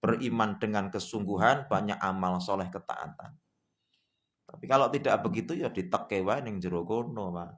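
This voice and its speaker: Javanese-accented man preaching, folksy and lively. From Indonesia. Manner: folksy, addresses the audience as "Pak" constantly, mixes Javanese and Indonesian; lively swings in pitch and loudness, mocking asides. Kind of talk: sermon. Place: mosque.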